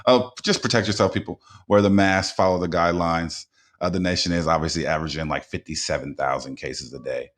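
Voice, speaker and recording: A man's voice: low-pitched, fairly quick. A man hosting a casual talk radio show, blunt and informal, rambling with frequent restarts and repeated words.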